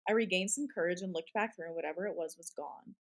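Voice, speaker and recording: A woman's voice: lowish voice, fast talker. A woman co-hosting a casual show, reading scary stories and reacting to them in a chatty, giggly way. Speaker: podcast co-host.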